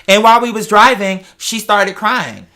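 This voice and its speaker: Speaking at a moderate pace, the American talk show host has a medium-pitched voice that is bright and forceful. In this casual personal chat, the adult tells stories emphatically and repeats phrases to drive points home.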